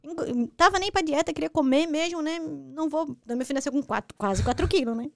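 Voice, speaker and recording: A young Brazilian woman with a Brazilian Portuguese accent, a talk show guest telling her story in animated, casual conversation with frequent restarts. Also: high voice, fast talker, no echo, clean studio sound.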